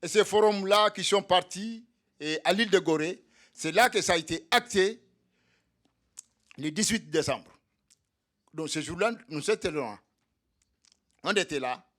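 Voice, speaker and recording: At a measured pace broken by long pauses, a high-voiced man with a fairly bright tone rallies his comrades. He is an activist for undocumented migrants giving a militant, repetitive speech at a solidarity evening held in a meeting hall.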